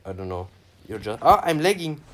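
A man streaming a mobile shooter game, talking loudly and playfully with teammates. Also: medium pitch, sing-song, fairly quick, slight background noise. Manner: loud, shouty and playful. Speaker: gaming streamer. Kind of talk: excited gameplay chat.

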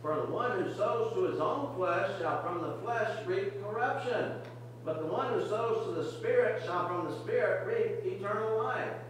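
A man's voice: high-pitched, normal speed, a little hiss or hum. An older man preaching a sermon from a church pulpit, earnest and exhorting, often restarting his words. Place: church sanctuary, medium size, indoors. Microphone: podium mic, camera far at back of room. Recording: very echoey distant church recording.

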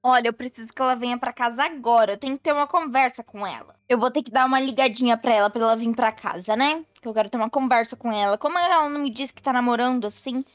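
A woman's voice: fairly high pitch, quick pace, hardly any pauses, no echo, close to an everyday voice. A woman voicing a caring, fussy mother and aunt in a game roleplay, full of exclamations. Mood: alarmed. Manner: fussing, exclamatory. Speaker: roleplay player.

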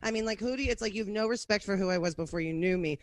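A woman from Los Angeles, defensive and protesting quickly in casual podcast chat. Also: mid-range voice, a loud crowd.

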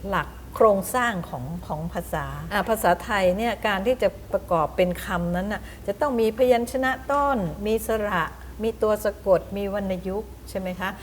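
A woman's voice: medium pitch, moderate pace, few pauses, a little hiss or hum. Thai teacher woman spelling words aloud. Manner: explains with demonstrations; asks the audience questions. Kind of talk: lecture to teachers.

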